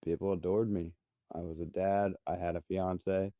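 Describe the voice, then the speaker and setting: A man's voice: low voice, little pitch movement, moderate pace, warm tone, no room sound. A man in his thirties giving an angry, profane personal rant. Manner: profane, confrontational, heated. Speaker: vlogger.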